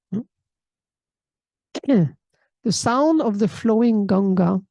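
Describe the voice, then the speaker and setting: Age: adult. Sex: woman. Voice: gravelly, mellow, dry sound. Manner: calm spiritual teacher, checks in with a soft hmm. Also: mid-range voice, no room sound. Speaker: yoga teacher. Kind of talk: spiritual talk reading and explaining a text.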